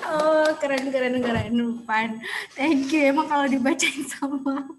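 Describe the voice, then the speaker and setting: A woman's voice: high voice, a little slow, background noise. A woman teacher talking casually and chattily to her class, informal and loose. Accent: Indonesian. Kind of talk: casual online class talk.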